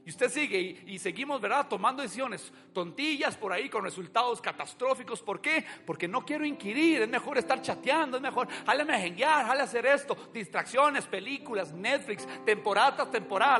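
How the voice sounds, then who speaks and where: A male pastor, preaching an animated sermon that swings from soft talk to shouting. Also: very high voice, brisk, hardly any pauses, faint music behind.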